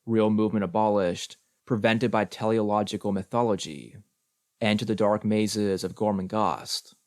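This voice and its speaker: A man reading experimental prose for an audiobook, slow and deliberate, in measured, clipped phrases. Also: lowish voice, steady tone, a little mellow, dry recording, clean studio sound. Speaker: audiobook reader.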